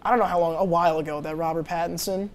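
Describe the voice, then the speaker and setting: Co-hosting a movie review show from a small TV studio, this young man speaks rapid-fire in a fairly high, steady voice. A lapel mic records his casual chatter, which is packed with fillers and restarts.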